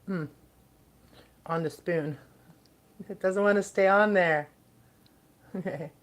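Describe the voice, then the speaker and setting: A woman doing a casual mukbang, eating and talking to viewers in unhurried, stop-and-start remarks. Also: fairly low pitch. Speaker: mukbang livestream host.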